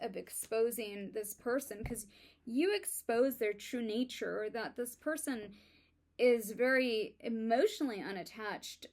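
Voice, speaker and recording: A woman talks her viewers through a tarot spread, pausing often and circling back with fillers. Her pitch sits slightly high and her pace is unhurried. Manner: halting, many ums and likes, self-admitted stuttering. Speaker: tarot reader. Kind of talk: casual tarot reading to viewers.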